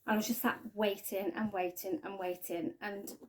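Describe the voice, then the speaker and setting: A woman giving a halting, earnest personal testimony to camera, often trailing off quietly. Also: medium pitch, fairly even intonation, slight background noise. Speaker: spiking victim sharing her story.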